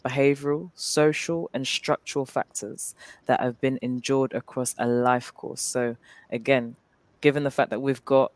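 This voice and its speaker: A man leads an online panel, answering his guests with steady encouragement before moving the talk along. His voice sits at a middle pitch and sounds dry and close, with no room around it. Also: no echo. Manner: encouraging, warm affirmations. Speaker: host.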